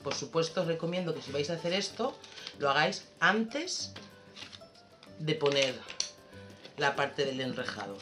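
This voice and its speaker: A woman's voice: sits low, measured pace, long pauses. Chatty woman narrating a craft tutorial. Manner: chatty, relaxed, thinking aloud while working. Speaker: scrapbooking tutorial host. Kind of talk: casual craft tutorial voice-over. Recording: roomy sound with faint background music.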